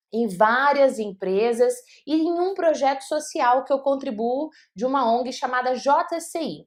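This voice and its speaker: Brazilian woman, public-speaking coach, bright high voice, lively, talks straight to the viewer. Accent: Brazilian Portuguese. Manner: energetic, addresses viewer directly. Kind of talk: motivational video lesson.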